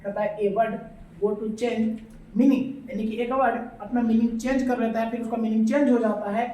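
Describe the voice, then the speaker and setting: A woman's voice: on the high side, fairly even intonation, moderate pace, mellow, slight background noise. Echoey classroom teacher, a woman. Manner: repeats points as questions to the class; mixes Hindi and English phrases. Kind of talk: classroom grammar lesson. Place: classroom with students. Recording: echoey room, voice from far off.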